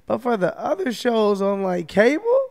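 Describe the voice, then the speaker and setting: A man's voice: sits high, normal speed, gravelly. A man hosting a podcast, riffing animatedly and swearing freely in casual chat. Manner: animated, profane, riffs in run-on stories. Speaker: podcast host.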